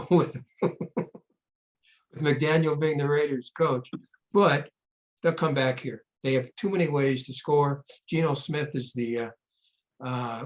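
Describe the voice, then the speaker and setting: A man giving casual, off-the-cuff sports betting commentary, halting and repeating words as he goes. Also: medium pitch.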